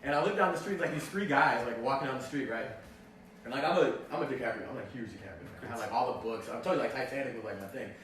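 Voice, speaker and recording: A young man telling a story in casual chat, animated and full of "like", acting out his own reactions. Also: medium pitch, very fast. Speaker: actor telling a story on a livestream. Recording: echoey, distant mic, faint noise.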